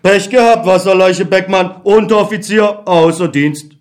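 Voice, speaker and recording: A man's voice: high voice, normal speed, close to an everyday voice. A man voicing a weary, bitter young ex-soldier who speaks with mocking irony, in a dramatic reading of a stage play.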